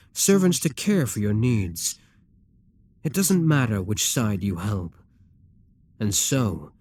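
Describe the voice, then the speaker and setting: For an ASMR roleplay, a man plays a proud demon king with courtly, theatrical grandeur, both imperious and seductive. His medium male pitch swings widely and lively in intonation, and the recording is dry.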